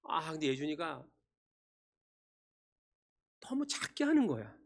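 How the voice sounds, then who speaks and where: Lively pastor preaching in echoing church. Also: male voice, on the high side, unhurried, gravelly. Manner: rhetorical questions to the congregation, emphatic swings in loudness. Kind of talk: sermon. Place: church sanctuary. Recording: long church reverb.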